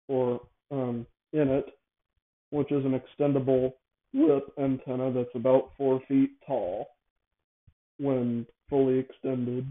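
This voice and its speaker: A man with a medium-pitched voice hosts an offhand, unplanned show, explaining a gadget concept in stops and starts. He keeps repeating and fixing what he says, heard through thin audio that resembles a phone line.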